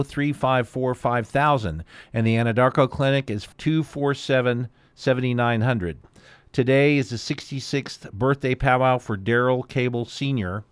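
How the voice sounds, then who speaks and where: Clear male radio host, close and dry. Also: mid-range voice, dry recording. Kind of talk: radio announcements and sign-off.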